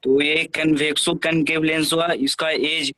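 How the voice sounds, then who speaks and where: Male student, fairly high voice, polite answers, online class. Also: level tone, measured pace, pushed and bright. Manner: answers politely, calls the teacher "sir".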